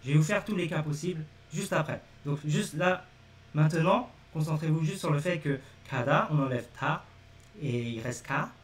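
Teacher, man, higher-pitched, patient step-by-step explainer on a livestream, sits back from the mic. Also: moderate pace, far from the mic. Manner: repetitive step-by-step explaining, addresses viewers directly. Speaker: language teacher. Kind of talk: live-streamed lesson. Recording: echoey room, speaking away from the mic.

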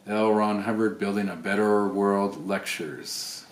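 The recording carries a roomy echo and faint background noise as a man unboxes items on camera. His voice is fairly low with a steady tone and an unhurried pace, and he thinks aloud with wry asides in casual unboxing commentary.

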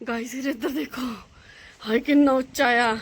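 A woman with a Punjabi accent chatting casually for a vlog in a loud, dramatic way, exclaiming and repeating herself. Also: high voice, fairly even intonation, normal speed. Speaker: vlogger.

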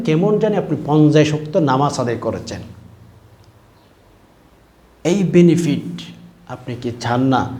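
Male preacher, fervent sermon, speaks right to the listener, repeats himself, bursts out loud. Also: medium pitch. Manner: impassioned, swells to loud outbursts; addresses listeners directly, repeats phrases. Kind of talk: Islamic sermon.

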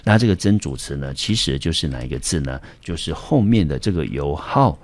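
A man's voice: rumbling low, expressive, a little fast, a little mellow. A male English teacher who speaks Taiwanese Mandarin and explains a vocabulary lesson patiently, step by step.

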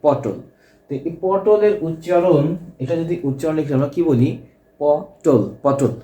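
Guy teaching a grammar class, super dark mellow voice, keeps asking if everyone's got it, echoey room. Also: fairly high pitch, lively intonation, moderate pace. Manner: explanatory, repeats key points and checks with "ঠিক আছে?". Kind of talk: grammar lesson.

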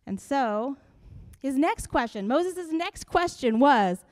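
A woman pastor delivers a sermon with a somewhat high but mellow, warm voice. She talks in a conversational, earnest way and puts questions to her listeners. The sound carries a long church reverb. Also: animated, takes it slowly.

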